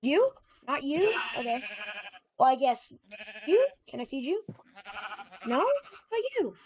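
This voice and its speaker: Excitable high-voiced woman playing a game. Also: a little slow. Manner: excitable, chatty, talks to her animals. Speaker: gamer. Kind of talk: casual gameplay commentary.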